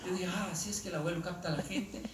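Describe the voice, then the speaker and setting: A man giving a humorous talk, telling stories in an animated way and acting out the voices he quotes. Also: sits high, fast. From Colombia. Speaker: speaker. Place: lecture hall. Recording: roomy, distant and noisy live hall.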